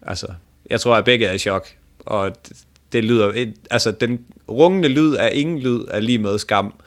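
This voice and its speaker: Danish man telling a crude funny story. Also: mid-range voice. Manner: laughing, crude joking. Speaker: podcast host. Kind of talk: casual storytelling chat.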